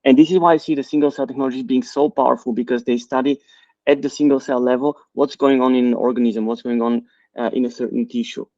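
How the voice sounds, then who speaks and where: Middle-aged man from Bulgaria, CEO, explanatory and measured, dry slightly dull recording. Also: medium pitch, fairly even intonation, mellow, no echo. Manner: measured, explanatory, with frequent fillers. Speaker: company CEO and co-founder. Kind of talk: interview answers.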